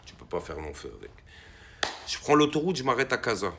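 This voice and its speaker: A man a gravelly, creaky voice flecked spins a long personal anecdote. He talks in a loose, conversational way and throws his voice high and loud whenever he imitates the people in the story. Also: a little fast, noisy background. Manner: animated, acts out quoted voices with big pitch jumps. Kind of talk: casual spoken anecdote.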